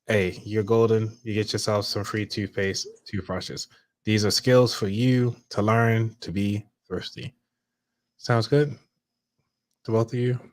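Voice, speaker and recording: A man's voice: on the low side, flat delivery, unhurried. A man hosting a casual podcast chat, joking around while giving practical money tips. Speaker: podcast host.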